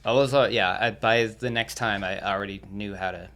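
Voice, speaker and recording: A young man sits in as a podcast guest and tells his stories in a relaxed, rambling way. He swears freely and laughs between the stories, and his voice sits a little low. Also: normal speed. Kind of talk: casual storytelling.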